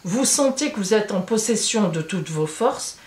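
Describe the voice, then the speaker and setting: Female tarot reader, casual and insistent, medium pitch, recorded in a roomy space. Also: expressive, normal speed, a little mellow. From France. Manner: chatty, emphatic, with many fillers and repetitions. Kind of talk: casual tarot horoscope reading.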